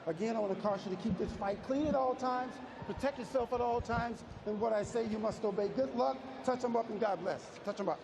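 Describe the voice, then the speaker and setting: Male referee in a noisy ring, high-pitched, delivering firm, clipped pre-fight instructions to boxers. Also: a little fast, gravelly, few pauses. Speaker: boxing referee. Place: boxing ring in an arena. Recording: noisy arena ring microphone.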